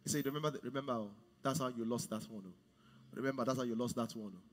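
A man in his forties preaching a sermon on a large church stage, swinging from hushed to loud. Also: medium pitch, very fast, long reverb tail. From Nigeria. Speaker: pastor.

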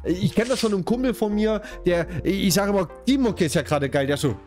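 Gaming YouTuber, man from Saxony, lively pitch, light music behind. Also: fairly quick. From Saxony, Germany. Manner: chatty, jokey, talks straight to viewers. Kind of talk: casual let's-play commentary.

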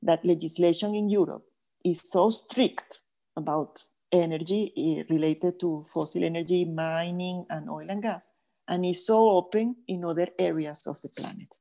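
An older woman from Venezuela, a guest geophysicist speaking in a measured, thoughtful way with many pauses over a video call headset. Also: lowish voice, fairly even intonation, vocal fry, dark tone. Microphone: earphone headset on video call.

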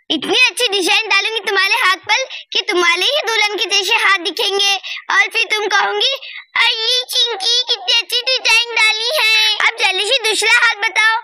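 A woman's voice: very high-pitched, bright, forceful tone, no room sound, full character voice. A woman voicing a bossy, chatty young girl doll in a doll play-acted village story. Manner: chatty, exclaiming, quarrelsome.

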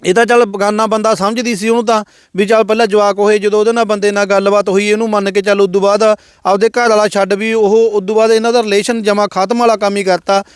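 A man's voice: high voice, flat delivery, fast talker, hardly any pauses, clear, resonant tone, no room sound, studio quality. A man with a Malwa Punjabi accent interviewing a guest, moralizing in his commentary. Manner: moralizing, frequent "hmm" backchannels.

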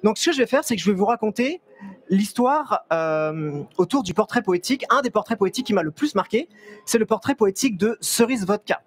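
A young man, a photographer, giving a lively, chatty talk on a fair stage through a headset mic, with many restarts and small jokes to the audience. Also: high voice, fairly quick. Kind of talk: live stage presentation. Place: stage at a trade fair, large indoor hall.

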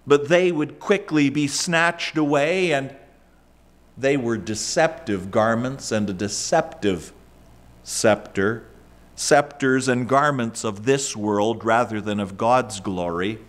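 A middle-aged man preaching a sermon from a church lectern, swinging between hushed low phrases and raised emphatic ones. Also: takes it slowly. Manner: emphatic preaching with wide swings in pitch and loudness, gesturing. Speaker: pastor. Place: church sanctuary, indoors.

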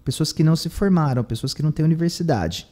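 Brazilian male English teacher, mellow but lively voice, translates line by line and repeats words. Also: a little high, fast talker. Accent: Brazilian Portuguese. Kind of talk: bilingual lesson explaining English.

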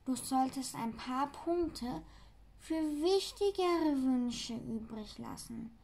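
Woman reading as the sams, cheeky little creature, bit high, talks slow and pert. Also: animated, vocal fry, darkish tone, exaggerated voice.

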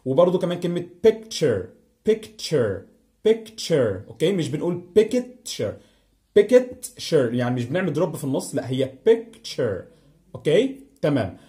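A man's voice: fairly high pitch, animated, fast, dark tone. A man speaking Egyptian Arabic, teaching English pronunciation and repeating each example word several times. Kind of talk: online pronunciation lesson.

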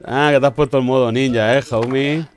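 A man's voice: mid-range voice, fairly even intonation, a little fast, soft background music. Playful Spanish streamer man, teasing banter. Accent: Spain Spanish. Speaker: gaming streamer. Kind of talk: casual gaming commentary.

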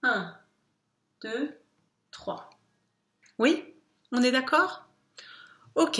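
A woman teacher giving a phonics lesson to young children, speaking slowly and patiently with careful articulation. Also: fairly high pitch, pushed and bright.

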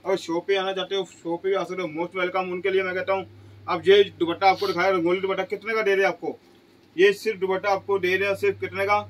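High-pitched man selling in a shop. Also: flat delivery, fast talker, low-quality recording. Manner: repeats prices as questions, exclaims "wah ji wah". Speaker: shop seller. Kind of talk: sales pitch. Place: small clothing shop, sitting on floor.

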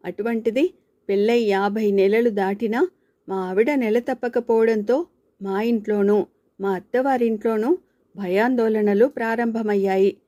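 A woman narrates a bedtime-style story in a steady, measured read-aloud manner. Her voice is dark and mellow, recorded close with a dry, dead sound. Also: fairly high pitch, no room sound.

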